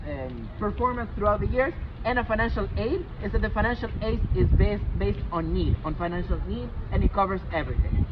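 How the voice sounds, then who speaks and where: A young man from Chile with a Chilean accent, a student earnestly explaining things while walking outdoors on a college campus. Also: high voice. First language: Spanish. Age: young adult. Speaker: student tour guide. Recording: tinny phone-like audio with loud outdoor traffic noise.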